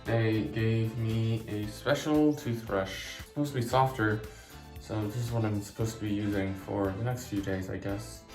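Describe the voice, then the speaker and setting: A man's voice: fairly low pitch, fairly even intonation, moderate pace, a little mellow, soft background music. A young man recording a casual video diary, speaking cautiously with a stiff jaw and barely opening his mouth, as after tooth surgery. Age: young adult. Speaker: vlogger.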